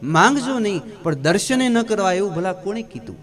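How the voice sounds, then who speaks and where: A man voicing a devoted poor wife who softly pleads with her husband. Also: sits high, sing-song, fairly quick, soft background music, pitched above the performer's own voice. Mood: pleading. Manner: soft, pleading.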